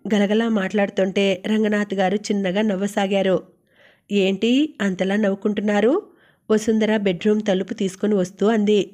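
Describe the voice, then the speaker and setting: A woman reading an audiobook story aloud as narrator, steady and unhurried. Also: medium pitch.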